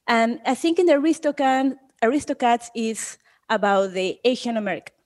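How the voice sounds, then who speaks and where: A woman's voice: fairly high pitch, expressive, fairly quick, darkish tone. A woman with a Mexican accent, co-hosting a casual chat podcast and laughing often. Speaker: podcast co-host.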